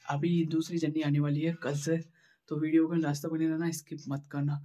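This young adult travel vlogger, a man, films himself on a handheld phone at arm's length and chats casually and cheerfully to his viewers, whom he calls "guys," about his train journey. His voice is a little high and dark in tone, with flat, fairly quick delivery. The recording is dry yet noisy from the crowded train coach and station platforms.

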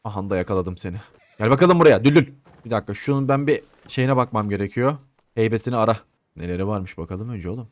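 In this let's play, a young gameplay commentator with a fairly low, expressive voice talks quickly while playing a western game. He cracks jokes, swears, and argues with the characters. The audio is free of echo.

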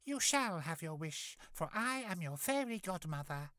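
A man's voice: sits high, sing-song, normal speed, pushed and bright, dry recording, clean studio sound, pitched above the performer's own voice, full character voice. A man voicing a cheerful, motherly old fairy who talks in a doting sing-song way. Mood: reassuring.

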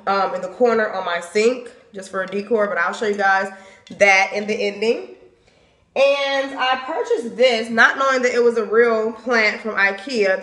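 A woman's voice: mid-range voice, fairly bright tone. Chatty young woman in an echoey bathroom. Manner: chatty, lists items and prices. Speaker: home decor vlogger. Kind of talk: casual haul and home tour. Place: small home bathroom, indoors. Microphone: phone camera at arm's length.

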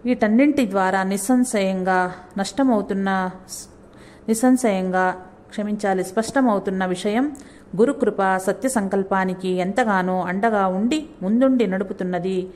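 A woman reading a saint's life story aloud, in a steady, measured way, pausing to correct her own slips. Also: medium pitch. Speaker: narrator reading a saint's biography. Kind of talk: devotional book reading.

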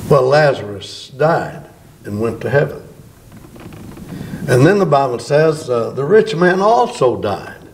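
Slow, deliberate older preacher. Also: male voice, mid-range voice, big pitch swings, a little mellow, slight background noise. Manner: slow, emphatic preaching with drawn-out words. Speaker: pastor. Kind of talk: sermon. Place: church sanctuary before a bank of flowers. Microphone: podium microphone.

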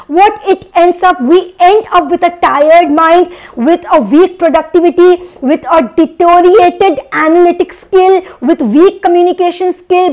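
A young woman from India giving an earnest, emphatic spiritual motivational talk, preachy and repeating phrases to drive points home. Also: very high-pitched. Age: young adult. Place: small indoor room, seated at a desk.

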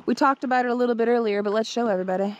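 A woman in her thirties hosting a casual vlog outdoors at a rural building site, upbeat and quick to laugh, filmed on a handheld camera. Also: fairly high pitch, steady tone, highs cut off. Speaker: vlog host. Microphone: handheld camera at arm's length.

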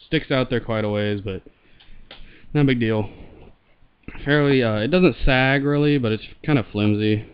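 A man's voice: mid-range voice, moderate pace, long pauses, smooth, dull audio. A man giving a casual, hands-on product demonstration as a reviewer. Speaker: gas mask reviewer.

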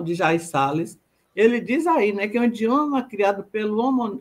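A woman with a Brazilian Portuguese accent, a radio host and teacher reading a pronunciation lesson aloud. She works deliberately, spelling out letters and sounds one by one. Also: medium pitch.

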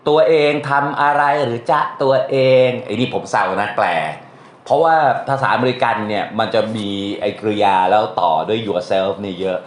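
A man's voice: fairly low pitch, lively intonation, moderate pace. A man teaching a translation class in a casual, chatty way, often quizzing his students with questions. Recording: echoey room with faint noise.

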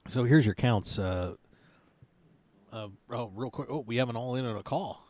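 A man's voice: medium pitch, moderate pace, a little mellow, dry recording. A man hosting live poker tournament coverage, calling hands and reading chip counts in a chatty, loose play-by-play with plenty of filler words.

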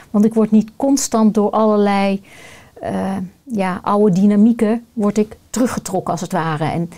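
Mellow-voiced woman coach, thoughtful and searching. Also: mid-range voice. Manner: thoughtful, searching for words with many fillers. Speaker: guest, coach and family constellation facilitator. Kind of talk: reflective podcast conversation.

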